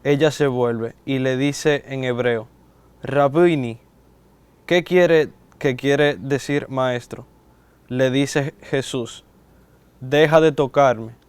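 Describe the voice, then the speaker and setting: Man, scripture reader, slow measured reading, smooth voice, dry sound. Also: medium pitch, no room sound. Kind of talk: reading the Gospel aloud.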